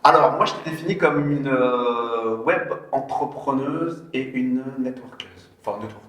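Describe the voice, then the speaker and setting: A man's voice: mid-range voice, fairly bright tone, echoey room. A man hosting a casual interview, asking questions with lots of fillers, restarts and little laughs. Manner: hesitant, many fillers and restarts, quick laughs. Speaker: interview host.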